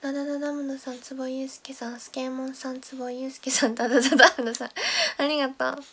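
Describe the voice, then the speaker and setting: Young woman, high voice, chatty livestream host on a close mic. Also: little pitch movement, quick pace. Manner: chatty, thanks viewers by name, drops to soft whispers. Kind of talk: casual livestream chat reading comments.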